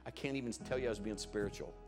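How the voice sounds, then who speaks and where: A man's voice: fairly low pitch, rapid-fire, music in the background. A man as a pastor, preaching in a church service and telling stories in a conversational way. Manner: conversational, animated retelling with acted-out quotes. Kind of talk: sermon storytelling.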